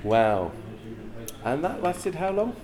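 A man's voice: on the high side, huge pitch swings, takes it slowly. A man hosting a casual podcast interview, asking questions and reacting briefly. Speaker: podcast host. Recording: crowd chatter behind. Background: crowd noise.

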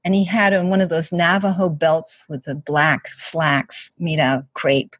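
A woman's voice: low voice, little pitch movement, a little slow, breathy edge, no echo. An older woman telling a story casually in an interview, chatty, with many "like" and "you know" fillers and acted-out quotes.

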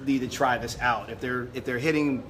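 A man's voice: mid-range voice, fairly even intonation, brisk, a bit bright. A man who hosts a show, chatting casually and effusively on a red carpet, repeating himself for emphasis. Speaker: show host being interviewed.

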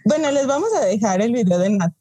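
A woman's voice: a little high, expressive, fast, warm tone. Mexican woman hosting a casual chat. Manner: chatty, backchannels a lot. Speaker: podcast host.

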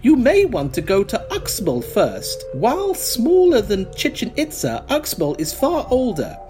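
A man voicing a mysterious male Mexican tour guide in his thirties, with a put-on Mexican accent and slow, theatrical delivery. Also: sits high, wildly swooping pitch, a little mellow, faint music behind, voice pushed up, full character voice. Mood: ominous.

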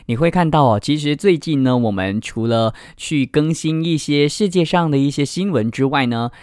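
A man hosting a children's literature show and reading a picture book aloud in a lively, expressive way. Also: fairly high pitch, normal speed, clean tone, dry recording, studio quality. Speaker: podcast host and storyteller. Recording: music bed under voice. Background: background music.

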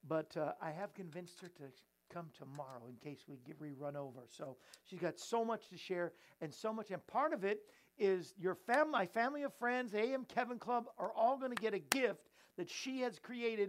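A man hosting a show in an easygoing, playful way, chatting and joking with his crew and viewers. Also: high-pitched. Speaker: host. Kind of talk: casual chat.

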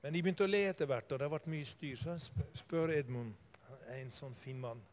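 An older man preaching a sermon, telling stories and swinging from quiet asides to loud, fervent emphasis. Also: mid-range voice.

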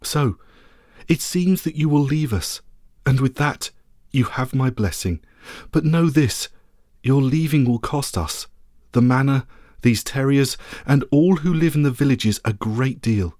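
A man's voice: mid-range voice, measured pace, a little mellow, no room sound, clean studio sound, close to an everyday voice. A man voicing a regal, commanding Lady of Light. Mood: solemn. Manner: solemn, ceremonial and commanding. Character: regal commanding woman, radiant ruler of light. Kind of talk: storybook reading.

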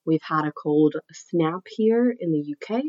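A woman with a stuffy, nasal voice from a cold hosts a solo podcast, speaking slowly in a lowish register. She sounds upbeat and encouraging, stumbling now and then. The recording is dry and a little dull. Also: animated, warm tone, no room sound. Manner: upbeat, encouraging, some slips and restarts. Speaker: podcast host.

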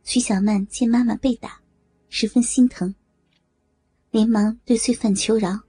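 A woman telling an audio story in steady, even narration. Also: fairly high pitch, unhurried, husky, dry recording, faint music behind.

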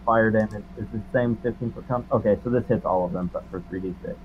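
A man's voice: on the low side, fast talker, narrow, tinny audio, slight background noise. A man playing a tabletop game, wry and self-deprecating in casual talk. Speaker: player.

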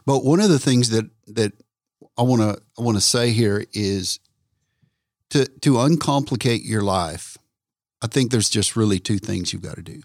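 A man hosting a casual faith talk, repeating words for emphasis like a preacher and slowing down on key points. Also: on the low side, no echo, clean studio sound. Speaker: podcast host.

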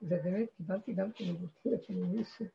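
A woman's voice: mid-range voice, gravelly. A woman teaching a women's spiritual class, earnest and encouraging. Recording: dull recording with faint background noise.

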